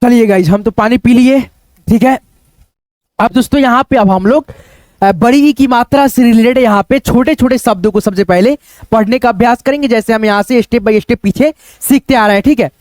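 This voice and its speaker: A young man teaching Hindi reading in a casual spoken lesson, repeating sounds and words slowly and calling to his viewers as friends. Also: extremely high pitch, a little mellow, no room sound. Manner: repetitive, drills words slowly, coaxing "dosto".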